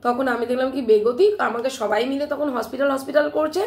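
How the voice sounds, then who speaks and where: High-pitched woman in an echoey room. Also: fast. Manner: animated, emphatic retelling with frequent "ঠিক আছে?" check-ins. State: throat still sore. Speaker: live streamer. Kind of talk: casual live-stream storytelling.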